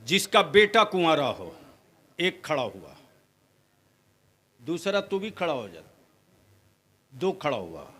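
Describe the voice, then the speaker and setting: A man preaching a fiery sermon at an outdoor gathering, questioning the crowd and rising into shouts. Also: sits high. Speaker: Islamic preacher.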